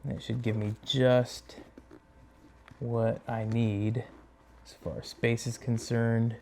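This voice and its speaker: A man with a medium-pitched, dark voice and a flat delivery explains a motorcycle gear installation step by step, taking his time and chatting casually as his hands do the work. There is slight background noise.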